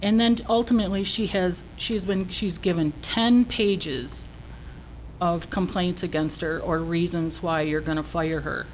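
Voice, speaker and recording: Lower-voiced woman making an emphatic complaint. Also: steady tone, measured pace, low-quality recording. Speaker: citizen giving public comment. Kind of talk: prepared speech of complaint. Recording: faint noise, meeting room.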